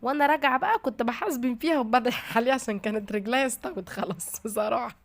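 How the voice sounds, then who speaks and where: A woman's voice: a little high, racing. A woman with an Egyptian Arabic accent, chatting casually to her viewers in a daily vlog. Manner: chatty, talks straight to viewers. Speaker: vlogger.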